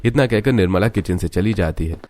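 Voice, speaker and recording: Low-voiced male storyteller. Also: fairly quick. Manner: steady storytelling. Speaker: narrator. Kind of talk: scripted story narration.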